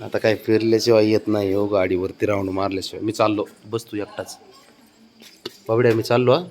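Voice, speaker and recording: A man coaxing and pleading with his pet cat in a casual, affectionate pet-talk voice, his calls often rising high and sing-song, recorded outdoors. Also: flat delivery, a little fast, a little mellow. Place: outdoors below his home.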